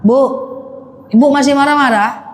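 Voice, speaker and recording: High-voiced woman preacher, lively. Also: moderate pace. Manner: lively, jokes with the congregation, addresses them as Bu. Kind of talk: religious lecture to women. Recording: faint background noise.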